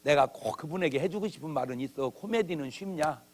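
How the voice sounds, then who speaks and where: A man's voice: fairly high pitch, expressive, a little fast, slight background noise. A man preaching a revival sermon in a church, with humor and acted-out bits of dialogue. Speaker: pastor. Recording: old church video.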